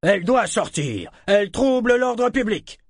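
A man's voice: high-pitched, animated, unhurried, dry recording, clean studio sound, pitched above the performer's own voice, full character voice. A man voicing a stern guard who gives curt orders. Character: stern male hall guard.

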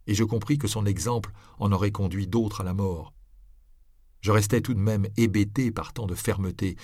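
A low-voiced man narrates an audiobook in a measured, even manner. The recording is close and dry, with no room sound at all.

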